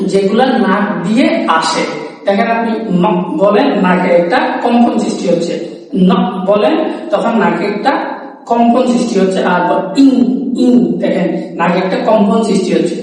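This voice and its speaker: A young man giving a pronunciation lesson, sounding out single sounds slowly and mixing in English. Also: sits high, a little mellow. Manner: repeats single sounds slowly and stresses points; mixes Bengali and English. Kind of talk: video lesson. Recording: echoey room, distant mic.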